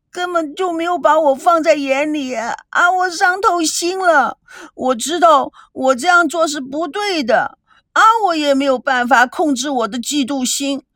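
A woman's voice: high-pitched, a bit bright, dry recording, studio quality, pitched above the performer's own voice. A woman voicing a jealous, guilty woman who stammers, whines and pleads in an audiobook. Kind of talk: audiobook character reading.

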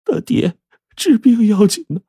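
A desperate middle-aged wife from the countryside, her voice shaking and climbing high as she sobs , put on by a male storyteller. The sound is close and dry, with no room around it. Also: sing-song, a little slow, dark tone, breathy edge, dry recording, full character voice. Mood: pleading. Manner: trembling, sobbing, high-pitched. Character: poor rural wife, middle-aged, tearful and pleading.

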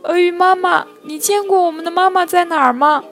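A woman voicing a chorus of curious little baby turtles in a high, chirpy, childlike voice. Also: fairly even intonation, fairly quick, a bit bright, faint music behind. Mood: eager.

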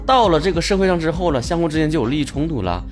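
A man's voice: on the high side, expressive, very fast. A man with a Northeastern Chinese accent hosting a comedy talk show, joking colloquially through listener messages and firing off rhetorical questions. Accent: Northeastern Chinese (Dongbei). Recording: loud music bed under the voice. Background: loud music.

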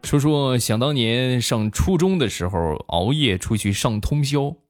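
A man telling comic anecdotes in a chatty way, pausing for his punchlines. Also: medium pitch, animated, soft background music. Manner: chatty storytelling with punchline pauses. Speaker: comic storyteller.

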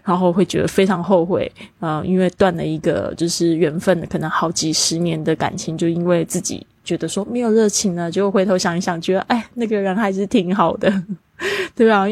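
A woman hosting a language lesson podcast, explaining new words and spelling them out slowly. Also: lowish voice, darkish tone, breathy edge, dry recording. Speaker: English teacher.

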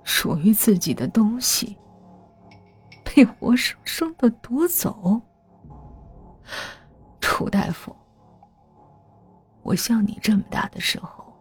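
A woman doing a softly gloating cruel old master. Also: mid-range voice, slightly rough, full character voice. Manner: slow, soft, gloating and unhurried. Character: smiling cruel older male mansion owner.

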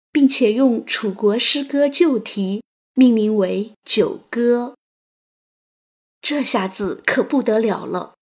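A woman narrating a written story as an audio host, in a playful, chatty manner with lively asides. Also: fairly high pitch.

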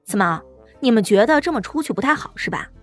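A man voicing a fierce, sharp-tongued young woman fighter who talks down to thugs with scorn. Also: sits high, expressive, fast, soft background music, pitched above the performer's own voice. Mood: mocking. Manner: scornful, bossy.

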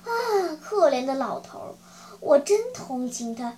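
A woman voicing a gruff, bearded male puppet master who is cold at first, then softens, and keeps breaking into sneezing fits. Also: high voice, big pitch swings, unhurried, pitched below the performer's own voice. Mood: grumbling.

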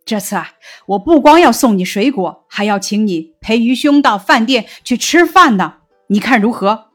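A woman's voice: a little high, animated, normal speed, a bit bright, soft background music. A woman reading as a hearty ancient general. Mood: friendly.

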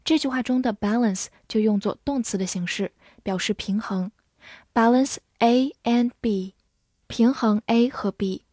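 This scripted English lesson features a woman who spells words one letter at a time and reads sample sentences slowly. She sounds a little high and mellow, captured at studio quality with no room sound.

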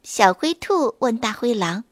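A woman storyteller reading a children's story aloud with clear, expressive delivery. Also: a little high, a little slow, no echo, clean studio sound.

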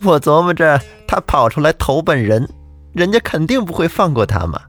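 Guy doing a loud bossy old lady, teasing and commanding, voice all over the place, quiet guitar behind. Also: fairly high pitch, sing-song, moderate pace, voice pushed up. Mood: mocking. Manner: teasing, commanding, talks down to her husband. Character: brash loud-laughing older woman, bossy matriarch. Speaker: storyteller.

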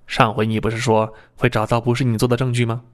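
Male narrator doing a sneering middle-aged cop boss, low and suspicious, talks down to the suspect. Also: level tone, quick pace, lightly acted. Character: smug sneering middle-aged male police deputy chief.

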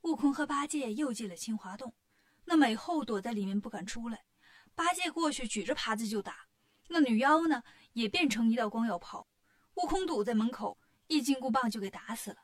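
A woman narrating a classic storybook tale for children in a lively, expressive way. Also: a little high, brisk.

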